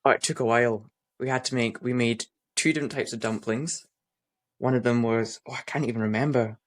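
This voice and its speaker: Talking fairly quickly in a mid-range voice, this young west-coast Scot has only a light accent. He comes across as easygoing and modest while chatting as a guest on a podcast by video call.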